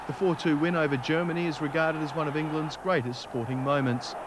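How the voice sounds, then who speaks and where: A man's voice: fairly high pitch, steady tone, fairly quick, heavy background noise. A man with an Australian accent hosting a sports show, reading scripted sports news.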